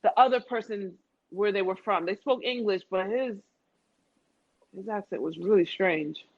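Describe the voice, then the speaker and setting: On a dull-sounding lo-fi recording, a woman with a medium-pitched voice takes her time as she chats about travel with a friend for a podcast. It's casual and conversational, and she frequently repeats phrases for emphasis.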